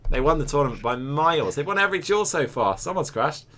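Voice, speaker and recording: A man's voice: fairly high pitch, sing-song, quick pace, fairly bright tone. A young Scottish man streaming and commentating a game tournament, joking, swearing and chatting to his viewers.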